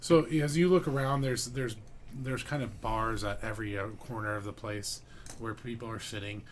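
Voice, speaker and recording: Low-voiced guy gm-ing a tabletop game, rambly descriptions, lots of "like" and "um", faint hiss. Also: steady tone, moderate pace. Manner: loose, filler-heavy scene description. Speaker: game master.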